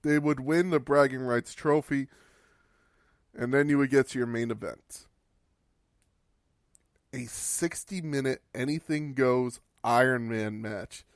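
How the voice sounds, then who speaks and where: A man's voice: medium pitch, slow, long pauses, dry recording, studio quality. Casual man recapping wrestling matches. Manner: casual, wry, swearing for humor. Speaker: podcast host.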